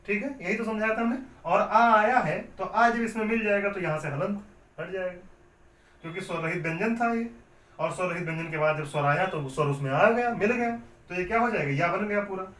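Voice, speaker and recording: A man with a high voice teaching grammar step by step. He keeps asking questions and then answering them himself. The sound is roomy and picked up from some distance off the mic. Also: a little fast, a bit bright. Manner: repetitive, explains step by step. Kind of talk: classroom lecture at a board. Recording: echoey room, mic at a distance.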